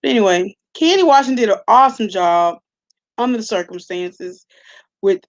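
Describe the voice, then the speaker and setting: Over dull audio, a woman speaks at a moderate pace in an expressive, mid-range voice. She hosts an online commentary channel and gossips casually through a reaction vlog, with salty slang and regular check-ins with the listener.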